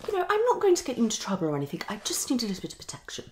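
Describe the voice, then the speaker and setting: With huge pitch swings and a darkish tone, a woman around her thirties speaks very fast in a slightly high voice during an ASMR psychologist roleplay. She mutters, repeats herself, and drifts between whispering and talking in this fast, unpredictable performance set indoors in a small living room. A little hiss or hum is present.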